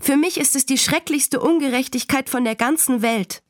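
A woman's voice: normal speed, no room sound, studio quality, lightly acted. A woman doing an upset eight-year-old girl. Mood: upset pleading. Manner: pleading, high and agitated.

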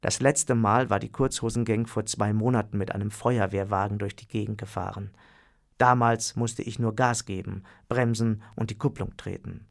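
Gravelly male audiobook narrator. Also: fairly low pitch, fairly even intonation, normal speed. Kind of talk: first-person audiobook narration.

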